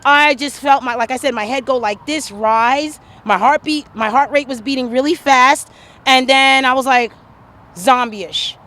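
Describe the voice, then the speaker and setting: A woman interviewed outdoors about trying a drug, talking haltingly and searching for words. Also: sits high, bright, forceful tone. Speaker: interviewee who tried the drug. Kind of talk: street interview.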